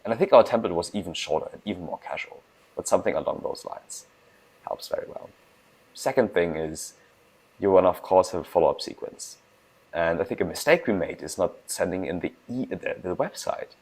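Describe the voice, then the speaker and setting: Deep-voiced young man. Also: lively intonation, darkish tone, breathy edge, poor audio. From Germany. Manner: fast-talking, restarts words, emphatic. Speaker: guest, food startup founder. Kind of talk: casual interview answers.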